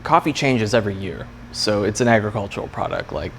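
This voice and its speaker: A man's voice: lowish voice, animated, brisk. A man working as a coffee roaster, explaining things in a casual interview chat with loose, hesitant phrasing. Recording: clear background room noise.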